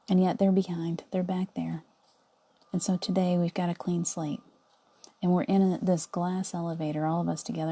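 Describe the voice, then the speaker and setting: Leading a guided visualization, a middle-aged woman speaks in a fairly low voice with vocal fry. Her tone coaxes and soothes, often sinking to a gentle whisper.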